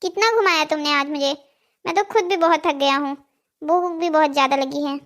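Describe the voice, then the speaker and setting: A woman's voice: high-pitched, fairly quick, a bit bright. A woman voicing a sneaky middle-aged husband in a Hindi cartoon story, talking in a coaxing, defensive way.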